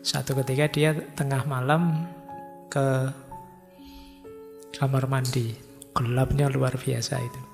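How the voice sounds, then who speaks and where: A middle-aged man giving an informal philosophy study lecture, telling lively stories with acted quotes. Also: mid-range voice, slow pace, creaky, long pauses. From Indonesia. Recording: music under long hall reverb.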